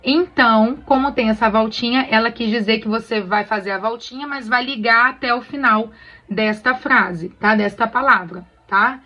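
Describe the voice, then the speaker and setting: A Brazilian woman gently teaching church choir singers to read sheet music, often checking they follow along. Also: fairly high pitch, normal speed, lo-fi sound. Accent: Brazilian Portuguese. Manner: friendly, explains patiently with many "tá bom?" checks. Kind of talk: casual tutorial on reading sheet music.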